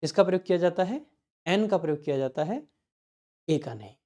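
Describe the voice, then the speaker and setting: Man, English teacher, online exam-prep lesson, mellow relaxed voice, slow word-by-word reading of example sentences, frequent check questions to students. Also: fairly high pitch. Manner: keeps asking students quick check questions.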